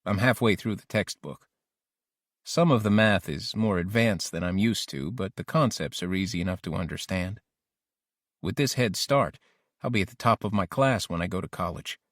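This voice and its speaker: Speaking at a moderate pace in a low voice, a man reads an audiobook diary in the role of a lovesick, ambitious teenage boy. The sound is clean studio audio with no echo; the mood is brooding, and he comes across as intense, introspective and questioning himself.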